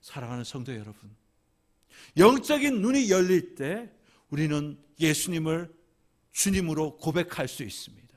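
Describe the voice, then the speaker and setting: A man preaching a Sunday sermon as senior pastor in a church, swinging from hushed whispers to loud, emphatic climaxes with rhythmic repetition. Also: on the high side, sing-song, normal speed. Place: church sanctuary.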